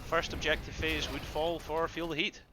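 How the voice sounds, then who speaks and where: A man giving excitable live play-by-play commentary on an esports match, with bursts of loud exclamations. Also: a little high, normal speed, over music. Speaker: esports caster.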